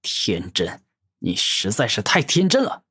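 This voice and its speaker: A man's voice: on the low side, huge pitch swings, a little slow, sharp tone, slightly rough, voice pushed down, full character voice. A man voicing an arrogant, furious male monster warlord who growls angry threats in a fantasy audio story.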